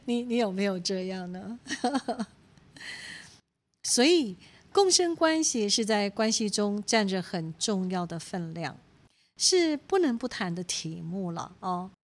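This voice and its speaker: A woman's voice: medium pitch, slow pace. A woman in her forties with a Taiwanese Mandarin accent, a pastor's wife giving a teaching talk full of personal stories, acting out quotes and laughing often. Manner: animated storytelling, acts out quoted speech, laughs often.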